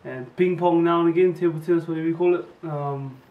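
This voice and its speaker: A laid-back teenage boy with a New Zealand accent answers questions in easy slang. His voice is a touch high. He sits away from the mic in an echoey room. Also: fairly even intonation, quick pace, recorded from a distance, narrow, tinny audio. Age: teens. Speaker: interview guest, student boarder.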